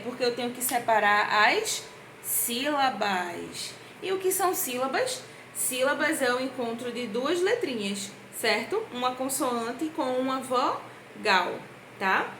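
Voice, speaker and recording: A woman teaching young children in a review lesson, talking patiently in a sing-song way, stretching out words slowly and checking in with them often. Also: a little high, a bit bright. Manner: slow, drawn-out words when spelling out syllables. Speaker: primary school teacher. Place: indoor room at a board, writing with a marker. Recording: echoey room with faint background hiss.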